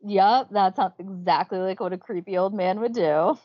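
Woman podcast co-host, mid-pitched, reactive and laughing, dry slightly dull sound. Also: moderate pace, dry recording. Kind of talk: casual chat.

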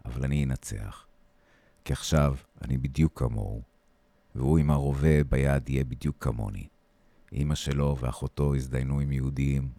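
Very deep, dark-voiced man reading a story. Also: no room sound. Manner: reads with shifting intensity, raising voice for shouted lines. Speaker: podcast host reading a story aloud. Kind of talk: dramatic reading of a short story.

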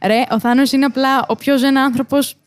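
A woman telling a funny story as a podcast guest, in a playful, animated way. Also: high voice. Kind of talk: casual chat, storytelling. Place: outdoors in city streets.

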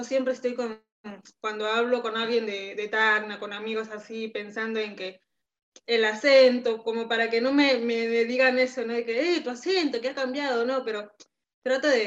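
A young woman from Peru speaks with a Peruvian Spanish accent, pausing and restarting often as she answers questions. Her voice sits a bit high, and the audio is dull and lo-fi, like a remote call. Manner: hesitant, many fillers and restarts. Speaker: interview guest. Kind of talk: casual interview chat. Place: at home.

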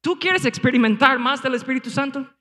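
A man preaches to his congregation in a high, bright voice that cuts through the room. He presses his points with rhetorical questions and punchy sound effects, and his words ring with the long reverb of a church hall. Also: fairly quick. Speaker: pastor. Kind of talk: sermon. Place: church sanctuary before a congregation, also streamed online.

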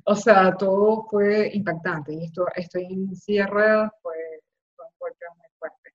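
A woman's voice: mid-range voice, unhurried. Candid Maracaibo woman telling her story. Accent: Maracaibo Venezuelan Spanish. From Zulia, Venezuela. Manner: candid and expressive, acting out quoted voices. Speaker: interviewee, journalist. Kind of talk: personal testimony in a conversational interview. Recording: slightly dull lo-fi sound.

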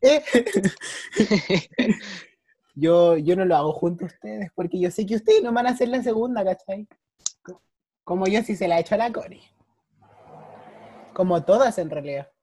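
A woman's voice: medium pitch, animated, moderate pace, pauses often, dark tone, slightly rough, dry recording. Blunt young Chilean woman, dry sound. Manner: blunt and teasing, uses slang. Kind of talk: casual chat.

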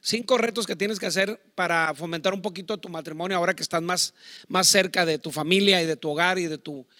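A middle-aged man with a Mexican accent preaching a sermon on marriage, talking loudly in a chatty, digressive way with asides. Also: high voice, brisk, dry recording, studio quality. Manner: loud, self-admittedly talks shouting. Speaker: pastor. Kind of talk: sermon on marriage to online viewers.

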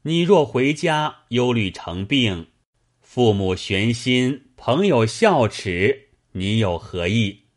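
A man's voice: mid-range voice, sing-song, slow. A man doing earnest scholar friends. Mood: persuading. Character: group of scholar friends, reasoning and persuasive.

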